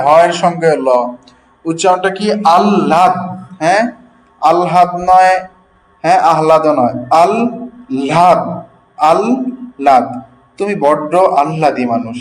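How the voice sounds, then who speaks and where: A man's voice: a little high, rough recording. A man teaching a pronunciation class, drilling words syllable by syllable and often checking that students follow. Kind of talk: classroom lesson.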